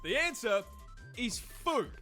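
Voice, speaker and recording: A man's voice: very high-pitched, big pitch swings, takes it slowly, music in the background. A man doing comedic scripted documentary narration in a sweary, irreverent, slangy manner. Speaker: animal facts video narrator.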